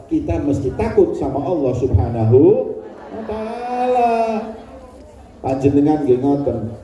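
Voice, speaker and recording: A man preaching in a mosque, telling a story and acting out its quotes. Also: a little high. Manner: lively, acts out the quotes in his story. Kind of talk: storytelling sermon. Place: mosque hall. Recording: echoey hall, mic from far off.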